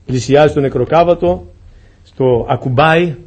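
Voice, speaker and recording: A man's voice: fairly high pitch, a little mellow. A man preaching a sermon to his congregation, earnest and pleading, often asking them questions.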